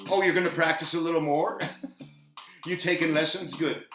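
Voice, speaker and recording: Man, children's show host, giggly, unhurried, echoey room. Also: fairly high pitch. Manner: giggly, talks to kids. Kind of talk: playful kids' show chat and read-aloud. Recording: roomy echo, faint music.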